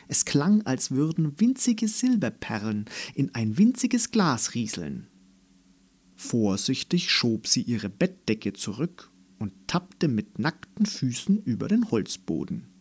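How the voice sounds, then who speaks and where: A man narrating a bedtime story in a gentle, expressive way, sometimes dropping to soft whispers. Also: mid-range voice, slow, breathy edge.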